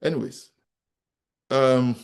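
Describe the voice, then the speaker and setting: The voice is medium-pitched, slow, creaky, clear and resonant. It belongs to a Nigerian man in his forties, a real estate company founder who repeats his key points and asks rhetorical questions during a motivational business talk to an audience.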